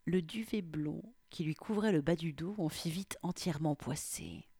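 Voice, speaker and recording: A woman reading an erotic story aloud in a hushed, half-whispered delivery, close to the mic. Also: sits low, normal speed, slightly rough, no echo. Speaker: narrator.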